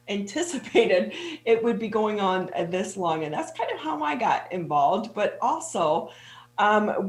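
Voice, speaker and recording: An upbeat woman hosts a talk show from her home studio, chatting quickly and warmly with her guest. Her voice sits at an ordinary middle pitch. A noticeable room echo hangs around every word. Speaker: host. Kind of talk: casual interview hosting.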